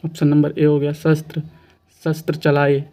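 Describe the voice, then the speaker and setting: Mellow-voiced male exam coach, flat delivery. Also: on the high side, moderate pace. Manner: patient, repeats questions and answers, asks rhetorical questions. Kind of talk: explaining quiz answers to students.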